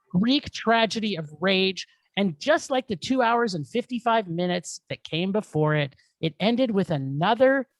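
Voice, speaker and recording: A woman's voice: mid-range voice, no room sound. A woman co-hosting a film podcast, ranting with exasperation and plenty of swearing. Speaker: podcast co-host. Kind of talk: casual film review chat. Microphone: studio mic.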